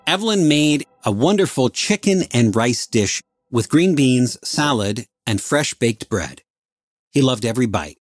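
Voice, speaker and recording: A man narrating a scripted audio drama in an expressive storytelling manner. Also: medium pitch, unhurried, faint music behind.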